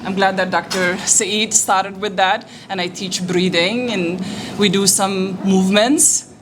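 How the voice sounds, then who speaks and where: A woman, a yoga instructor and life coach, speaking calmly and gently to young people and guiding them in noticing their feelings. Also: medium pitch, unhurried, background noise. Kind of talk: guided breathing talk to youths.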